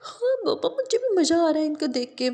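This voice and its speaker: A woman's voice: very high-pitched, big pitch swings, a little fast, dark tone, pitched above the performer's own voice. A woman voicing a stubborn little doll girl who pleads in a whiny manner. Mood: excited.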